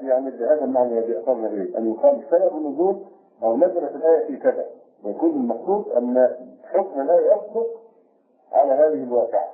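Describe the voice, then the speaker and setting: A man giving a religious lecture as a sheikh teaching Quran commentary, measured and repeating key phrases to explain them. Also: mid-range voice. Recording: echoey room on a tinny lo-fi tape.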